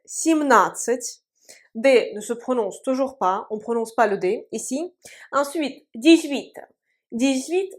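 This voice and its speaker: In a video lesson, a high-voiced Russian language teacher speaks slowly and patiently, drilling and repeating words. She can be heard writing on a board.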